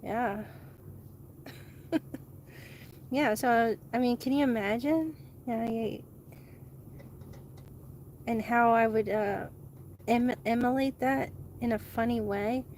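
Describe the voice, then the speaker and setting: A woman host rambling excitedly in a casual monologue, laughing often. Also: fairly high pitch, takes it slowly, pauses often, a little hiss or hum. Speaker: channel host.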